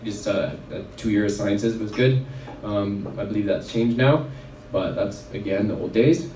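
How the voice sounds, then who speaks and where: A chiropractor from Red Deer, Alberta, Canada, tells a personal story at a wellness event, rambling casually with lots of fillers. His voice is fairly low, dark and measured. A distant mic gives the venue a roomy sound with slight background noise.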